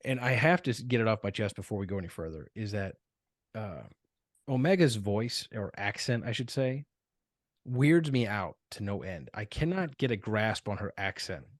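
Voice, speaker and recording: A man's voice: lowish voice, lively intonation, moderate pace, no echo, clean studio sound. A man co-hosting a casual podcast, chatty and loose, hedging with filler words. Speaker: podcast co-host.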